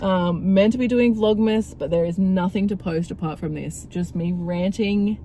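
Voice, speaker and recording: A woman's voice: mid-range voice, moderate pace, mellow. A young woman, stressed and tearful, crying as she talks through a weary, rambling, self-deprecating confessional vlog in a car. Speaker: vlogger and mother. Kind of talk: casual confessional vlog rant. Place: inside a car. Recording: car interior with vehicle noise.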